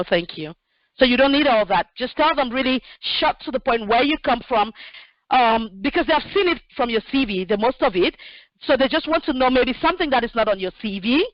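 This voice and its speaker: A woman's voice: on the high side, dry recording, highs cut off. Direct, practical woman in her forties. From Cameroon. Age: 40s. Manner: direct, practical, with many fillers. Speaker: human resources expert guest. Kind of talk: answering questions in an online session.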